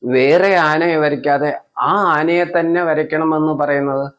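A man voicing a mother who scolds her older son and gently coaxes her crying child. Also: fairly high pitch, steady tone, normal speed, lightly acted. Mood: coaxing. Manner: scolding yet coaxing, patient questioning. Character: mother, firm but coaxing.

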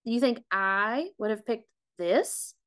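A wry, teasing male mentor with a New Jersey accent, voiced by a woman reading aloud. The lines come out light, a little high and brighter than the narration. He is clearly amused with himself. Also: a little slow, no echo, studio quality. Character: joking middle-aged man mentor on a video call.

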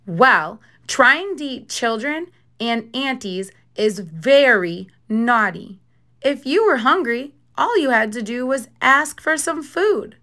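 Bold, clever storybook little girl, voiced by a woman, pitched high, emphatic, bossy. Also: animated, slow, sharp tone, full character voice. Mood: scolding. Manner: exclaiming, scolding, emphatic. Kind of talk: storybook character voice.

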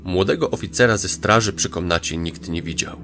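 A deep, low-voiced man narrates a fantasy audio drama with measured, dramatic delivery. Faint music runs under his reading.

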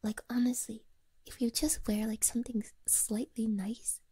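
A woman hosting a livestream, chatting casually in a breathy ASMR whisper with a playful, rambling manner, very close to a binaural microphone. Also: on the high side, little pitch movement, normal speed, mellow, dry recording. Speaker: livestream host.

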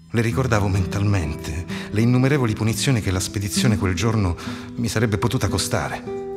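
Low-voiced man giving a dramatic literary reading. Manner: intense, expressive delivery. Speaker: narrator reading a novel excerpt. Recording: long reverb under loud guitar music. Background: loud plucked guitar music.

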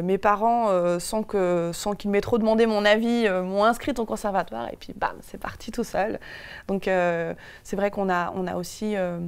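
A woman's voice: medium pitch, clean tone. A young woman from France, a guest in a TV studio interview, speaking thoughtfully with many hesitations and restarts on a lapel mic. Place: TV studio set.

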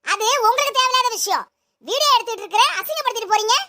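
A woman's voice: extremely high pitch, lively intonation, very fast, pushed and bright, full character voice. A woman playing a young daughter-in-law who is filming a vlog and talks back to her mother-in-law in a comedy sketch. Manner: sugary to the camera, defensive. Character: young vlogging daughter-in-law, sweet then snippy. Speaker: vlogger.

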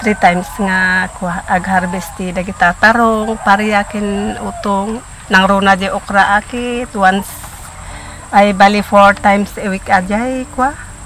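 Steady middle-aged Filipino farm woman. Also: mid-range voice, slow, a little hiss or hum. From Philippines. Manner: plain, listing crops steadily. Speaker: farmer. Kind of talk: documentary interview. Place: outdoors by a rural pond.

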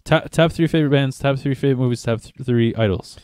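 A man's voice: medium pitch, fast talker, darkish tone, clean tone, no room sound, clean studio sound. A man hosting a podcast, asking friendly questions with frequent stumbles, at a table in a small room on a desk mic. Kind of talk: casual interview chat. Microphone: desk mic on a boom.

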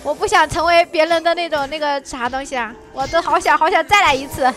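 A very high-voiced young woman narrates her game in an excited, dramatic way. Her tone is sharp and bright, full of mock sobbing and sing-song chants. Soft music plays faintly underneath. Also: fast. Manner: dramatic, whiny fake crying and chanting. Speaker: gaming channel host.

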